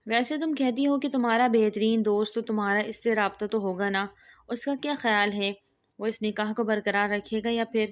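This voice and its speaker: A woman voicing a gentle, reassuring young female friend in a read-aloud story. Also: mid-range voice, fairly even intonation, natural voice.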